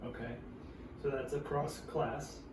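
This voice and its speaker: A man's voice: mid-range voice, steady tone, unhurried. A man co-hosting a podcast in casual chat, asking confused questions about the game and poking fun at himself. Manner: asks confused questions, self-deprecating. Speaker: podcast co-host. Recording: roomy, distant mic with background noise.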